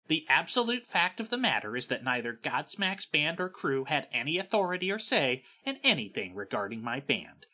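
A swaggering rock frontman in a put-on British accent, read aloud by a woman, tearing through an angry rant. The voice swoops widely in pitch and sounds bright and husky. Every sentence drips with profanity and indignation. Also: full character voice.

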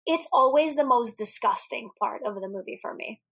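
Laughing, animated woman discussing a film. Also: on the high side, normal speed. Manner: animated, swears freely, laughs often. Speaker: podcast co-host. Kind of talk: casual movie discussion.

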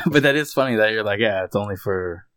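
A man's voice: fairly low pitch, a little fast, a bit bright, dry recording, clean studio sound. Friendly joking male interviewer. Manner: friendly, joking, curious questions. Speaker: interviewer, host. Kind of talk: casual interview chat.

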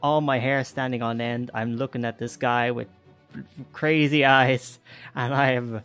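A man's voice: mid-range voice, steady tone, unhurried, a bit bright, smooth, faint music behind. A man playing a tabletop game, eagerly and vividly describing his character's actions. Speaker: player.

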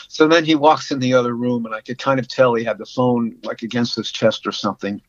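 A man in his sixties telling a personal story as a podcast guest, talking haltingly with many restarts and repeated words. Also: medium pitch, fairly even intonation, no room sound. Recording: dull lo-fi sound.

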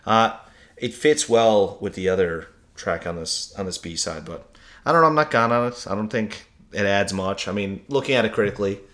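A man with a very low voice talks casually on a podcast. He is animated and opinionated, and often pokes fun at himself. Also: normal speed. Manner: animated, self-mocking, opinionated. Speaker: podcast co-host. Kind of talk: casual chat about music.

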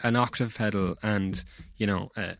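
A man's voice: fairly low pitch, fairly even intonation, moderate pace, vocal fry, no room sound. Young West of Ireland man, dry close sound. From County Mayo, Ireland. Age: young adult. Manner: rambling, informal, peppered with 'like' and 'you know'. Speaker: guest, bass player. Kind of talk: casual chat.

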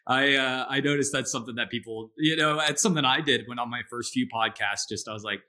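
Bright-voiced male podcast host. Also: medium pitch, quick pace. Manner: relaxed, chatty, laughs easily. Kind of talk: casual interview chat.

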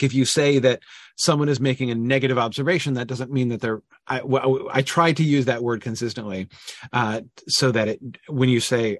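A man's voice: mid-range voice, husky, no room sound. A man teaching a Bible passage in an informal study talk, thinking aloud with frequent restarts and checks of "right?".

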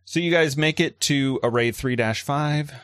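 A man running a tabletop role-playing game, narrating the action in a halting, improvised way. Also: fairly high pitch, a bit bright, dry recording, clean studio sound. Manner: halting, hesitant delivery. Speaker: game master.

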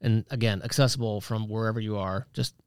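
A man's voice: on the low side, fairly quick, smooth, no room sound, clean studio sound. A man hosting a podcast, chatting casually and joking with his guests. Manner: relaxed, joking, wraps up the show. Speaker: podcast host. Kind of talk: casual chat.

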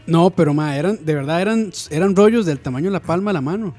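A man co-hosts a casual podcast and tells stories in a relaxed way. His voice sits on the high side, with faint music in the background. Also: fast talker. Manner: laid-back storytelling, says ma often. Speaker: podcast co-host. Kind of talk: casual chat.

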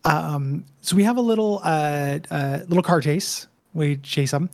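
A man's voice: a little high, measured pace, vocal fry. A man co-hosting a show, recapping a game story in loose, laid-back casual conversation. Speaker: co-host of a video game discussion show.

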